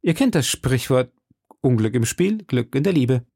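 A man voicing a courteous young cavalier in an audiobook reading, speaking in a calm, reassuring way. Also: mid-range voice, moderate pace, gravelly, dry recording, clean studio sound. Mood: teasing.

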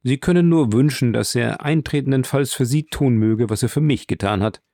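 A man's voice: mid-range voice, normal speed, warm tone, no echo, lightly acted. A man doing an effusive young nobleman. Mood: emphatic. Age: 30s. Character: elegant noble around thirty, emphatic, effusive.

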